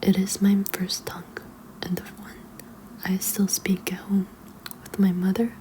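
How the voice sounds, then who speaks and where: A woman reads a children's book aloud as ASMR in a hushed, librarian-like whisper. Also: mid-range voice, monotone, measured pace. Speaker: ASMR reader.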